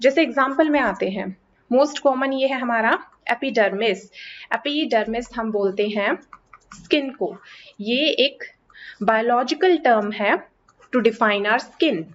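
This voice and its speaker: High-voiced woman teaching English prefixes. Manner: explains step by step, stretches out example words slowly. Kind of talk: classroom lesson explaining English prefixes and hyphens. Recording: slightly dull lo-fi recording with faint background noise.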